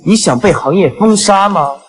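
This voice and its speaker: A man's voice: high-pitched, lively intonation, moderate pace. An actor playing a fawning, bullying male supervisor in a short web drama.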